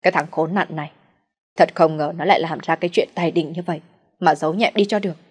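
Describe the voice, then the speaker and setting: A woman's voice: sits low, fairly even intonation, quick pace, slightly rough. A woman voicing a blunt elderly husband. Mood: furious. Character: elderly husband, bewildered then furious.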